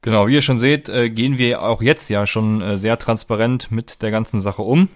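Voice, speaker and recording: A man's voice: lowish voice, fairly even intonation, moderate pace, no echo, studio quality. A man co-hosting a podcast, speaking in a friendly, hesitant way with frequent fillers. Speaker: podcast co-host. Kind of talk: casual podcast chat.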